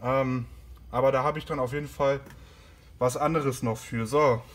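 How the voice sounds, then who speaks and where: A car care host demonstrates a product casually in a garage, moving inside and beside a car. He speaks at a moderate pace with medium pitch and fairly even intonation, informal and slightly hesitant while he works, with a little hiss or hum in the recording.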